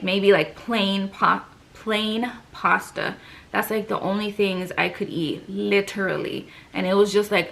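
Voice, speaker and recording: A woman's voice: medium pitch, vocal fry, a bit bright. A young woman vlogger chatting casually to camera, out of breath, with lots of fillers and sighs.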